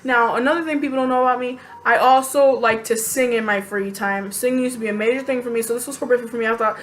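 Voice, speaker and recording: A woman telling a personal story to camera in a casual, animated, chatty way, venting bluntly and acting out quotes. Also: a little high, fast, slight background noise. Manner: animated, chatty, lots of fillers and acted-out quotes.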